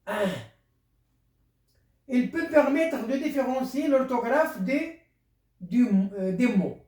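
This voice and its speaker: A teacher talks through a primary school lesson at an unhurried pace, repeating each word so young pupils can follow. The pitch moves lively up and down, and the voice rings in a roomy, echoey space. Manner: repeats words, explains step by step. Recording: echoey room.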